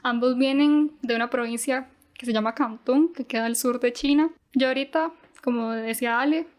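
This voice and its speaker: A woman's voice: high-pitched, normal speed. A Costa Rican woman in her twenties, a university student and podcast guest, giving brief, easygoing answers with a lot of "ujú". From Costa Rica. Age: 20s. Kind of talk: casual podcast interview.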